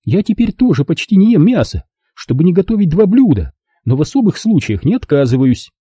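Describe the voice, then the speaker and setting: A man voicing a sharp-tongued, indignant middle-aged mother, scolding in a raised voice. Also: high voice, very animated, a little fast, husky, dry recording, clean studio sound, voice pushed up, exaggerated voice. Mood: matter-of-fact.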